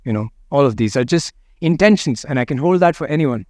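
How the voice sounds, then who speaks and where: Male meditation teacher, mid pitch, gentle and unhurried delivery, dry close-miked recording. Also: animated, no room sound. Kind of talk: guided meditation and talk on loving kindness.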